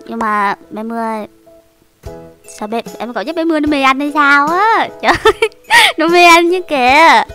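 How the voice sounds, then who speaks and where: A young woman giving excitable, giggly gameplay commentary full of dramatic exclamations. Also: sits high, normal speed, soft background music. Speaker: game YouTuber.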